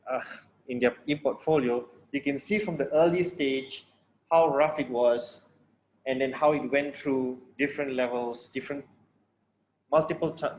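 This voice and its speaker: A man lecturing to students on a video call, speaking plainly and bluntly, often stopping to restart his phrases. His voice sits at an ordinary middle pitch. A faint hiss runs under the recording. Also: rough recording. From Malaysia. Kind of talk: online tutorial lecture.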